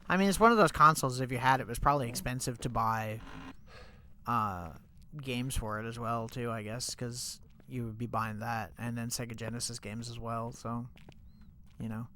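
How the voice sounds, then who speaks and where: A man's voice: medium pitch, fairly even intonation, normal speed, sharp tone, a little hiss or hum. Congested man chatting while streaming a game. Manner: chatty, rambling, many fillers like "like" and "you know". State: stuffed up, congested. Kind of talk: casual live-stream chat while gaming.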